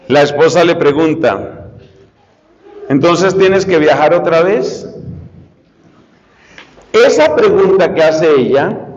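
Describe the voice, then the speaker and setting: A man's voice: a little high, in a large hall, muffled recording. A man preaching a sermon, speaking straight to his listeners and repeating key phrases. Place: church retreat hall.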